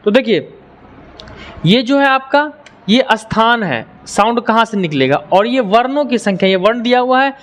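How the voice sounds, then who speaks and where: High-voiced man teaching grammar. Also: lively intonation, moderate pace, fairly bright tone. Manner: drills syllables aloud, asks questions and answers them himself; mixes in English words. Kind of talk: grammar lesson.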